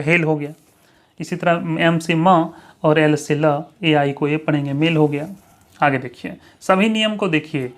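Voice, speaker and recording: A man runs a pronunciation lesson at an unhurried pace. He draws out each example and says it again and again. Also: a little high, a bit bright. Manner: slow, drawn-out, repeats each example. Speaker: English pronunciation teacher. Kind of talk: spoken classroom lesson.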